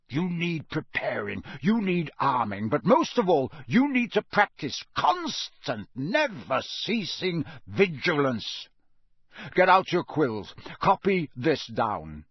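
A man voicing a gruff, intense old professor in an audiobook, growling out stern, emphatic warnings. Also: on the high side, a bit bright, no echo, clean studio sound, pitched above the performer's own voice, full character voice. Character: gruff old battle-scarred male professor, intense and commanding. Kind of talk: audiobook character voice.

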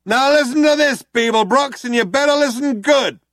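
A man doing a pompous shouting space cop. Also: very high-pitched, normal speed, no room sound, pitched above the performer's own voice. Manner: preachy, self-righteous, shouting. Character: pompous male alien cop with loud hailer.

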